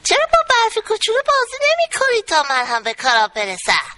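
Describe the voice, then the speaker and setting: A woman voicing a calm, busy mother rabbit in a storybook reading, speaking in a gentle, motherly way. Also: very high-pitched, voice pushed up, heavily acted. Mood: coaxing.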